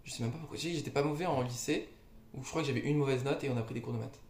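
A young man talks quickly and informally, full of slang, as in a podcast between friends. His voice sits at a medium pitch in a room with strong echo. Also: a little mellow. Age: young adult. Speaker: co-host. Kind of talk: casual conversational podcast chat. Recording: echoey room.

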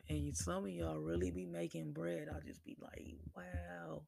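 A man hosting a podcast, chatting casually and laid-back, swearing freely and laughing often, with a gravelly, husky voice. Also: on the high side, little pitch movement, a little slow, darkish tone, no echo. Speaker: podcast host. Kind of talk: casual solo chat.

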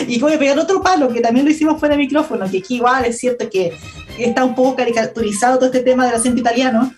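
A playful woman co-hosts a radio film review, laughing easily between her remarks. Her voice sits high for a woman. Faint music plays softly behind her. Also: fast talker. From Chile. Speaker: radio film show co-host. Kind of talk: casual film review chat.

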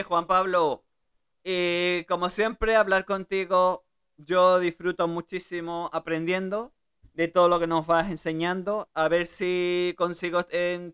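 A woman hosts a relaxed radio conversation, her voice smooth and clear. She talks in a chatty, easygoing way and laughs readily between thoughts. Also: fairly low pitch. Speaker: radio host. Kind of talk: casual radio chat.

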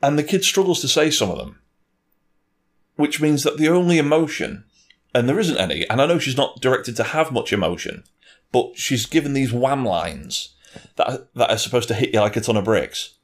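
With lively intonation at a moderate pace and a mid-range voice, this film and game reviewer chats casually in a two-person discussion. He is wry and opinionated, swears at times, and mimics others with mock voices mid-rant.

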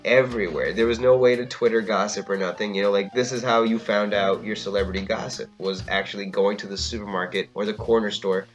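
A man's voice: fairly low pitch, steady tone, fairly quick, few pauses, muffled recording, soft background music. A man casually chatting as a podcast co-host, rambling and often asking "you know what I mean". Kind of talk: casual chat reviewing a TV drama.

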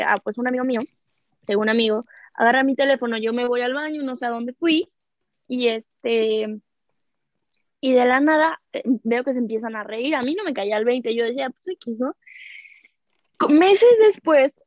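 A woman's voice: fairly high pitch, dry recording. A young woman with a Mexican accent candidly telling a personal story in casual chat, rambling with many fillers. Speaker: podcast guest. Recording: dry, muffled lo-fi recording.

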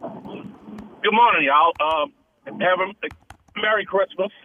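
A man calling in to a radio show over the phone, talking in a halting way with many stammered restarts. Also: sits high. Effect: heard over the phone line. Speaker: radio caller. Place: on his porch. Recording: tinny phone line.

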